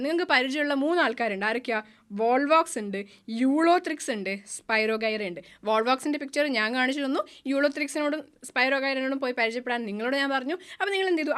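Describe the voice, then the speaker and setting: Brisk, high-voiced woman biology teacher. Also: fairly bright tone. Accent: Malayali. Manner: keeps asking questions and answering them herself; mixes English terms into her speech. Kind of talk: online class lecture.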